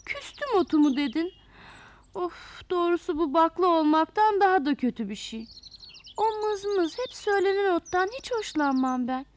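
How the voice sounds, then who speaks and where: A fussy little seed from a children's storybook, high and bright-voiced, as a woman puts it on. It whines and complains in a lively, bouncing voice. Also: moderate pace, slight background noise. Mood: whiny. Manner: whiny, complaining. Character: nameless young seed, sulky then cheerful flower. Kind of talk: storybook reading.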